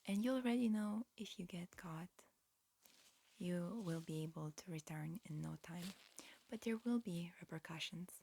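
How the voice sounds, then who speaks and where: A woman plays an alien examiner in a whispered ASMR roleplay, her voice on the low side. She alternates breathy whispers with soft speech, delivering instructions in a halting, matter-of-fact way.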